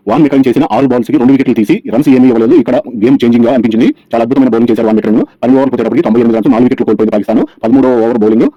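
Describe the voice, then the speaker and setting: A man's voice: mid-range voice, fairly even intonation, rapid-fire, few pauses, no echo. A man narrating a scripted cricket match recap as a channel host, rattling through scores over by over. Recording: dull, lo-fi sound.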